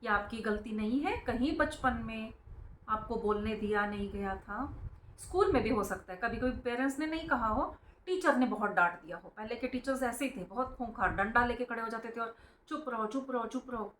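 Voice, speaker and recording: A woman with a slightly high voice gives an informal spiritual talk, explaining her points earnestly. She calls her listeners friends and briefly acts out how strict parents hush their children. The sound is roomy and echoing. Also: normal speed, a little hiss or hum.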